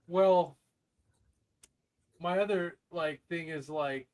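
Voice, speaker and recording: Casting: high-pitched male co-host, blunt, swears freely, loose banter. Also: takes it slowly, darkish tone. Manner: profane, blunt, laughs often. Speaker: podcast co-host. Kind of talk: casual chat.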